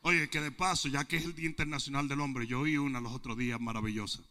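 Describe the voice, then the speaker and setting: A man pastor preaching a sermon, telling funny stories and rising into shouted, emphatic preaching. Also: medium pitch, fairly even intonation, quick pace. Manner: humorous storytelling building to shouted preaching. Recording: long hall reverb.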